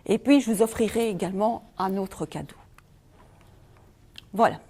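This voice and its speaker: A woman's voice: medium pitch, normal speed, darkish tone, husky. A middle-aged Belgian woman giving a conference talk on feng shui, asking the audience rhetorical questions. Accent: Belgian French.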